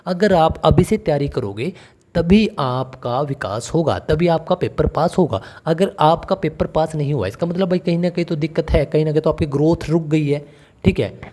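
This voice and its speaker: A male tutor talks through a teacher-exam lesson in a chatty way, often calling the listener brother and throwing questions back at them. His voice sits a little high, with a warm, mellow tone. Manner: conversational, calls the listener brother and asks questions. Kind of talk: online exam-prep lesson.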